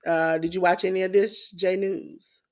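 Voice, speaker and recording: A woman's voice: fairly low pitch, level tone, normal speed. A tired woman co-hosting a podcast, reading out wrestling results with showy announcer flourishes. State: sleepy. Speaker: podcast co-host.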